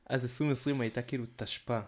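A man with a middle-pitched voice co-hosts a casual podcast chat. He chimes in with quick, playful wisecracks and teasing questions. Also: a little mellow. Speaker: podcast co-host.

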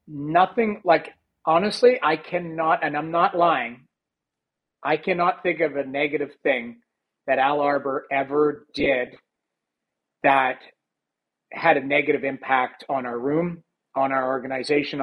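A man, a former hockey goalie, telling stories in a casual interview, animated and rambling with many fillers. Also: on the high side, a little slow, muffled recording.

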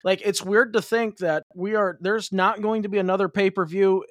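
On a dry, close recording with no surrounding room, a male podcast co-host with a notably high voice talks wrestling at normal speed and fairly even intonation. His casual chat wanders, looping back with fillers and restarting sentences often.

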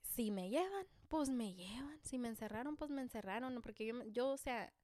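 A woman's voice: a little high, animated, moderate pace, darkish tone, no echo, studio quality. A woman with a Mexican accent, a mother telling a personal story to camera in a casual, joking and self-deprecating way, full of slang.

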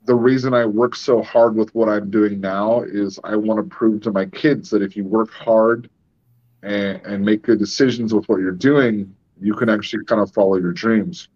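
A man's voice: fairly low pitch, steady tone, normal speed, a little mellow. Candid male host on dull lo-fi audio. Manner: candid and self-deprecating, swears casually. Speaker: podcast host. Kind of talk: casual podcast conversation.

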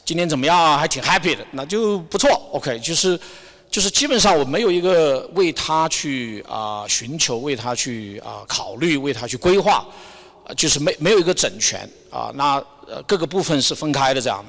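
A middle-aged man gives an informal testimony at church, sharing a Sunday message as a member of the congregation. His voice sits on the high side and is fairly bright, animated, and moderately paced, though he hesitates and searches for words, mixing in some English. The recording carries a long hall reverb.

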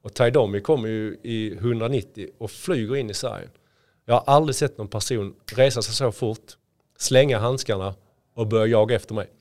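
A man in his forties with a gravelly, fry-edged voice, sitting low in pitch. He tells lively anecdotes in a casual podcast conversation, slipping into the voices of the people in his stories. He talks like a former player turned coach looking back on his career. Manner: lively anecdote-telling, acting out quotes.

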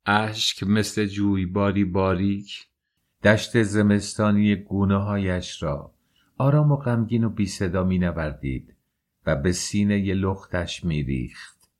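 Male audiobook narrator, low voice, measured and emotional first-person delivery. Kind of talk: scripted narration.

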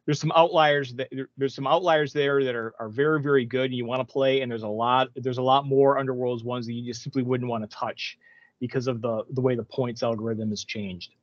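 A man's voice: mid-range voice, steady tone, a little fast, no echo, lo-fi sound. A man co-hosting a gaming podcast, talking casually and rambling with many restarts. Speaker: podcast co-host. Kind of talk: casual chat.

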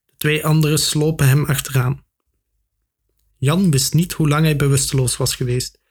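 Guy reading an adventure audiobook, husky voice, a bit high. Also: fairly even intonation, normal speed, a little mellow. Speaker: narrator. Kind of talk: audiobook narration.

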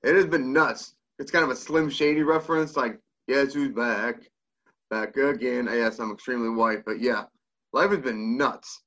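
A man's voice: mid-range voice, moderate pace, a bit bright, dull audio. A middle-aged American man co-hosting a podcast with joking, irreverent casual banter. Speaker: podcast co-host.

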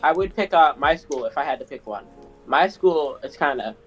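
A young man speaks in a fairly high voice, describing things casually with slangy frat-bro phrasing. He is on an online voice chat with music behind him. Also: animated, normal speed, a bit bright, poor audio. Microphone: voice chat on Discord.

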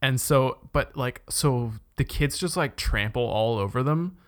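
A Canadian man with a mid-range voice talks a little slowly, chatting casually about school. His speech is packed with filler words and blunt swearing.

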